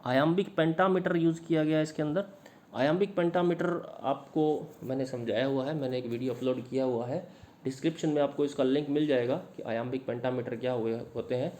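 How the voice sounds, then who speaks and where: A male literature teacher talks his students through a slide lesson in Hindi. He reads English lines slowly and deliberately, then explains them plainly. His voice sits in a middle pitch with a warm, mellow tone. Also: fairly even intonation. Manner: explains in Hindi, slow English phrases read aloud; addresses students directly. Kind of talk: Hindi lecture on an English poem.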